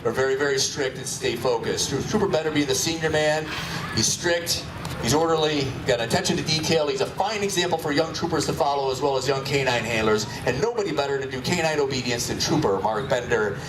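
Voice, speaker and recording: A man's voice: mid-range voice, brisk. A man announcing a live police dog demonstration with playful, showman-like commentary. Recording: distant echoey PA, loud crowd noise.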